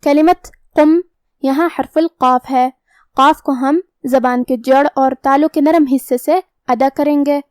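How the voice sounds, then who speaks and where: A high-pitched woman gives a patient, methodical recitation lesson, explaining each letter's sound rule one by one. Her voice is recorded close and dry, with no room sound around it. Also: steady tone, no echo. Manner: explains each letter rule step by step, then recites verses slowly and drawn out. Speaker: Quran recitation teacher. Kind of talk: tajweed lesson, slow explanatory teaching.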